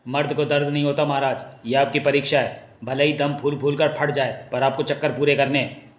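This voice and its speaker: A man's voice: mid-range voice, little pitch movement, a little fast, lightly acted. A man voicing a cunning, rude male schemer at a royal court who mocks everyone. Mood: scheming. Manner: cheeky, mocking. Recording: echoey room.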